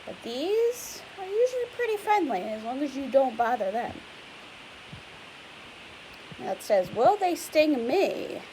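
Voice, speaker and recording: Reading a picture book aloud to children, a young woman teacher speaks at a measured pace with long pauses, her slightly high voice lively and rising and falling. She chats, explains, and keeps asking the kids questions. The audio is poor, with a faint hiss underneath.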